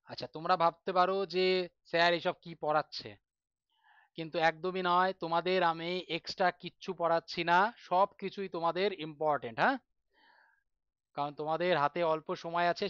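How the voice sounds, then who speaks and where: A male teacher giving a grammar class, patient and reassuring, slowly chanting lists of syllables aloud. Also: on the high side, a bit bright, clean tone, no echo, lo-fi sound.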